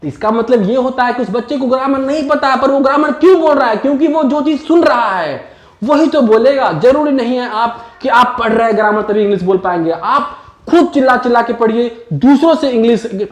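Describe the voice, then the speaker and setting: A man with a strikingly high voice teaches spoken English in a motivational way. He moves between Hindi and simple English phrases and repeats his key points. The sound rings with room echo. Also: brisk.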